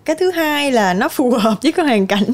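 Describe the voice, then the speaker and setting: A young woman speaks as a podcast guest. Her voice sits a little high, and she talks candidly and chattily, laughing easily. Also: expressive, a little fast. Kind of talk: casual interview chat.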